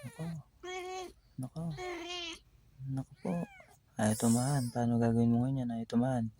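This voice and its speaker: A man chatting casually to his pet cat, teasing and coaxing her in a soft, low-key way. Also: flat delivery, moderate pace.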